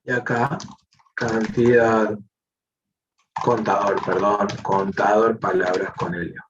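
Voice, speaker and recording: A man's voice: fairly low pitch, level tone, slow pace, background noise. Male programming teacher, Rioplatense accent, patient and explanatory, distant muffled class recording. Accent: Rioplatense Spanish. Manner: explanatory, checks in with frequent "¿sí?". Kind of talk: online class, live coding.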